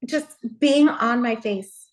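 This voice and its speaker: A woman's voice: a little high, takes it slowly, poor audio. A middle-aged woman pastor from Texas sharing her personal testimony in an interview, earnest and heartfelt, with a lot of "you know.".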